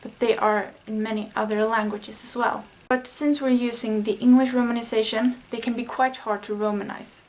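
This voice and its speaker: A Swedish-speaking language-learning vlogger from Sweden explains language study in a casual, earnest lesson, thinking aloud with small fillers. Her slightly high voice stays steady at a normal speed with hardly any pauses, and the recording is rough.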